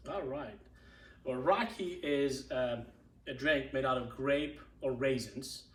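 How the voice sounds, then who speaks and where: A man from Turkey with a Turkish accent, explaining things in relaxed casual chat. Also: mid-range voice, reverberant, recorded from a distance. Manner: relaxed, explaining, halting restarts. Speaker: guest.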